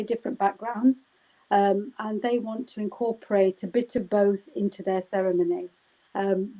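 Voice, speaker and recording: A British wedding celebrant answers questions in a live chat interview, her mid-range voice warm despite the rough recording. She explains things at length, often filling pauses with "um" and "you know".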